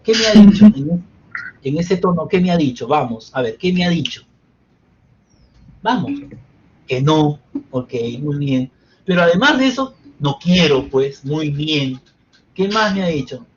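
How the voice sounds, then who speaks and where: A man's voice: fairly high pitch, animated, a little slow, pauses often. A man teaching a live online psychotherapy class, engaging his students by asking them question after question. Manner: engaging, keeps quizzing students. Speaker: psychotherapy lecturer. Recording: dull lo-fi sound with faint background noise.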